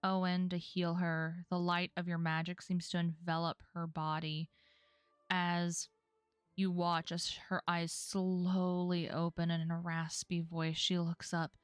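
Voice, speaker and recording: A woman's voice: on the low side, level tone, a little slow, clean tone, no room sound. A woman narrating a tabletop role-playing game as game master.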